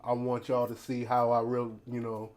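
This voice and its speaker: A man's voice: mid-range voice, completely flat delivery, moderate pace, darkish tone. An American man hosting a laid-back, casual commentary livestream, his speech slightly impeded by a teeth grill. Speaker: host of a news commentary livestream. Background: ambient noise, storm outside.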